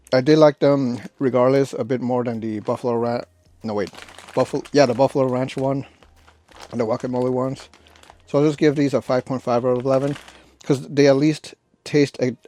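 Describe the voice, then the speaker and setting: A man giving a casual, unscripted snack review in a rambling, halting way, often correcting himself. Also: mid-range voice, mellow. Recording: noisy, clicks and crinkling bag rustle. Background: crinkling snack bags and clicks.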